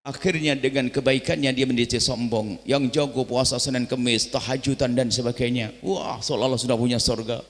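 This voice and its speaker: A man's voice: mid-range voice, fairly even intonation, brisk. A middle-aged male preacher giving an impassioned sermon, his voice surging upward into emotional pleas. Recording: long reverb of a large hall.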